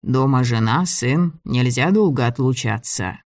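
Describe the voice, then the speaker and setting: Calm, unhurried fatherly man with a teasing streak, a male reader in his own voice, mid pitch, dry audiobook. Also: no echo, lightly acted.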